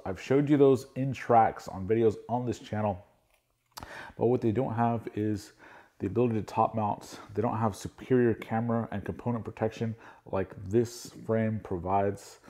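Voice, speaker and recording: A man's voice: lowish voice, warm tone. A man in his thirties in a product review vlog, talking eagerly in a casual hobbyist way with many fillers. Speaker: drone reviewer. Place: indoor studio against a plain backdrop.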